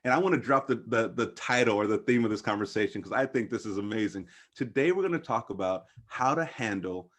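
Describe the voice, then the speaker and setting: A man's voice: lowish voice, brisk, hardly any pauses, a bit bright. A man in his thirties hosting an interview over a video call, upbeat and encouraging. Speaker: host. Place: room at home, indoors. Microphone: webcam on a video call.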